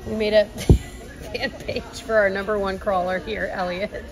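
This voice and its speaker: A woman's voice: medium pitch, flat delivery, a little slow, over music. A young woman, a mother, talking casually for a cruise vlog, bubbly and giggly and gushing. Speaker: vlogger, mother. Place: cruise ship.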